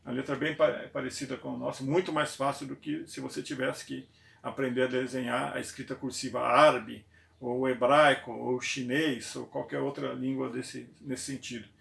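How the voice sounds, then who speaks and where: Gravelly São teacher, echoey room. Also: male voice, mid-range voice, little pitch movement, a bit bright. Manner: explanatory, repeats sounds and letters slowly, checks in with "né?". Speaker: theology teacher. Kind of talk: classroom lecture.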